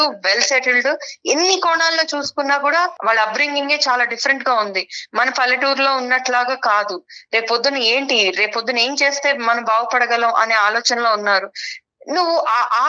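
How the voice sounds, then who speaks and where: A woman's voice: sits high, fairly quick, sharp tone, highs cut off. A woman guest on a counseling talk show who argues her side firmly and lectures the man beside her. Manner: firm, lecturing. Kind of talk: studio talk show dispute.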